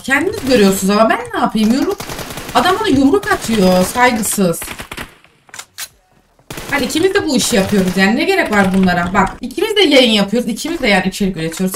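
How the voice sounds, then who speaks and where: A woman's voice: fairly high pitch, sing-song. Exasperated woman streamer, distant mic. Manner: exasperated, scolding, quick remarks. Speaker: game streamer. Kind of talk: live gameplay commentary. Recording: distant mic with game noise.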